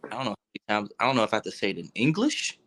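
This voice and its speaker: Racing along in a fairly low, fairly bright voice, this very animated sports podcast host rants with exasperation. He swears and teases his co-hosts in a heated, casual show.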